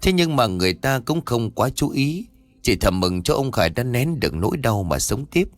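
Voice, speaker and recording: A man's voice: medium pitch, moderate pace, no room sound, faint music behind. A man narrating a scripted horror story and voicing its characters himself. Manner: lively, voices the characters' dialogue himself.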